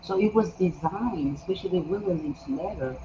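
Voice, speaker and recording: Earnest man from Ethiopia, interview host, slightly higher voice, dull recording. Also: moderate pace. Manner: earnest, frequent affirming "yeah". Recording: muffled recording with faint background hum.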